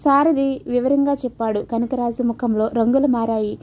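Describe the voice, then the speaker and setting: A woman storyteller narrating a scripted audio story in a calm, soft-spoken way. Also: on the high side, normal speed. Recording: dull lo-fi recording.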